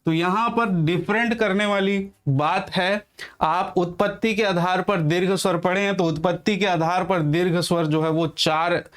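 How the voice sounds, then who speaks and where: A man with a high voice teaches Hindi grammar in a lesson. He poses questions to his students and answers them himself, and he dictates definitions slowly, word by word, as he writes. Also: fairly even intonation. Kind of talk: classroom-style grammar lesson.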